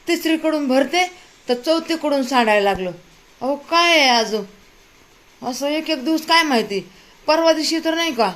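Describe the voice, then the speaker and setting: A middle-aged woman chats casually to her viewers while she cooks. She sounds exasperated and keeps complaining as she works. Her voice sits a little high, and it carries the feel of a home kitchen caught on a phone. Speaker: home vlogger.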